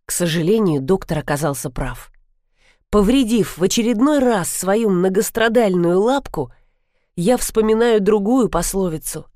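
A woman's voice: mid-range voice, a little mellow, no echo, clean studio sound. A woman narrating a first-person audiobook in a wry, conversational way.

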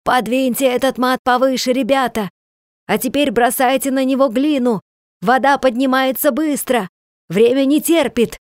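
A woman's voice: high-pitched, no room sound, studio quality, pitched above the performer's own voice, natural voice. A woman voicing a weak bedridden man. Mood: delirious shouting. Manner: weak, slow, halting speech. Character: weak bedridden man waking from long sleep.

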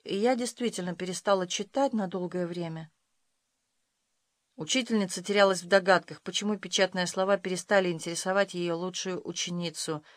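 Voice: medium pitch, fairly even intonation, a little fast, no echo. A narrator reading a first-person audiobook with dramatic, emotional delivery.

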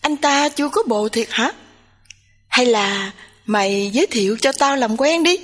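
A woman's voice: fairly high pitch, animated, a little slow. A woman voicing a blunt, teasing young female roommate who nags and chatters in a storybook reading. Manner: nagging, bossy, chattering. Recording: long hall reverb.

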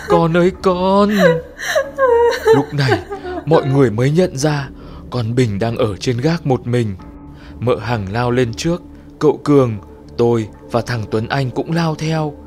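A man's voice: mid-range voice, normal speed, over music. A man narrating a first-person horror story in a tense, scripted way.

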